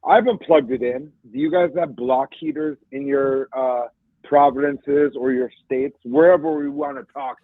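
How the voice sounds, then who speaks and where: A male caller on a bad, breaking-up phone connection, talking in an excitable, rambling way. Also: mid-range voice, normal speed, dry recording. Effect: bad connection, breaking up phone line. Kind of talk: casual call-in chat. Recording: tinny, breaking-up phone line.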